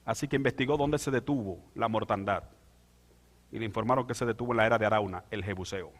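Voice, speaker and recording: A male pastor preaching a sermon, moving from quiet asides to loud, drawn-out proclamation. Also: fairly low pitch. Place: church sanctuary. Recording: church hall with long reverb.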